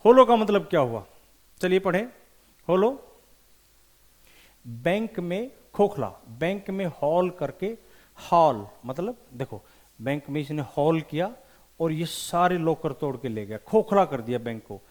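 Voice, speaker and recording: A man teaching English vocabulary for competitive exams, animated and repeating key words slowly for emphasis. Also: a little high. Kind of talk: vocabulary lesson with memory tricks.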